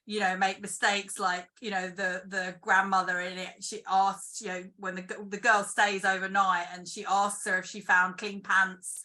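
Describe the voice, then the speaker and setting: A woman's voice: mid-range voice, little pitch movement, moderate pace, hardly any pauses, pushed and bright. A British woman screenwriter chatting casually in an interview over a video call, thinking aloud with lots of fillers. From United Kingdom. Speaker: guest screenwriter.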